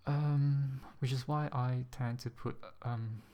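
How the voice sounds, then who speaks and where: Speaking into a USB desk mic, a young ASMR channel host from Singapore chats to camera in a casual vlog, his English carefully pronounced with a Singaporean tinge. His mid-range voice holds a steady tone, mellow with the highs cut off. He sounds a bit nervous and hesitant, saying um often and enunciating deliberately.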